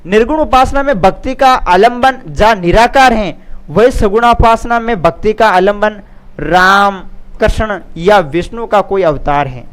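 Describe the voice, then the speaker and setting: An online coach gives an exam lesson, alternating between reading answers aloud and explaining them informally. His voice is high-pitched and a bit bright, at a measured pace. He teaches didactically, repeating phrases and often checking that listeners understand.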